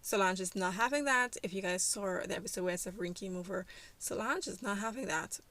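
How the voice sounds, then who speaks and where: A woman casually narrating a life-simulation game story for her channel. She chats along with plenty of fillers and easy laughter, at an ordinary middle pitch. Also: a little fast, fairly bright tone. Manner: chatty, lots of fillers, laughs easily.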